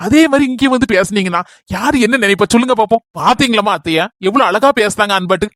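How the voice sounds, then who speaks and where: A woman's voice: medium pitch, fast, fairly bright tone, no echo, clean studio sound, natural voice. A woman voicing an easygoing young adult son in a cartoon, with a Kanyakumari Tamil accent, coaxing and reasoning with his mother.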